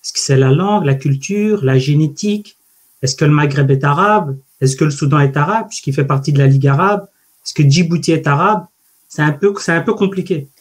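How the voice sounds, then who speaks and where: A man's voice: fairly high pitch, brisk. A middle-aged man from Morocco hosting a video-call interview, asking stacked, inquisitive questions. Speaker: interviewer host. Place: indoor room.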